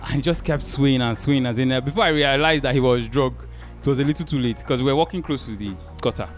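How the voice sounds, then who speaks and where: A man's voice: mid-range voice, fast talker. A middle-aged Nigerian man co-hosting a podcast, telling anecdotes in casual chat with bits of Pidgin. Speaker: podcast co-host. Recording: music playing in the background. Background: background music.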